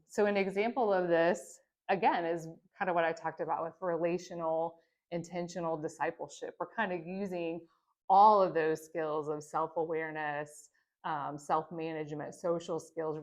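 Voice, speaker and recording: A woman teaching a lesson on emotional intelligence to a church group, talking in a conversational, reflective way with many tag questions and fillers. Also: lowish voice. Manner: reflective, speaks from own experience. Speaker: teacher of a church training course.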